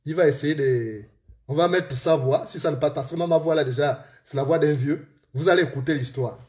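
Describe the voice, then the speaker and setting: Male author, Gabonese accent, lively storyteller reading aloud, slightly high pitch. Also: brisk. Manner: lively storyteller addressing listeners directly. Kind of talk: storytelling and reading from his book.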